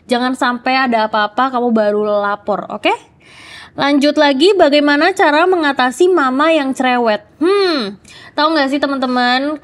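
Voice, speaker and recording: An adult woman hosting a kids' program, answering children's questions in a lively, coaxing way and often checking in with "oke?". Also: high voice. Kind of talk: casual talk to children.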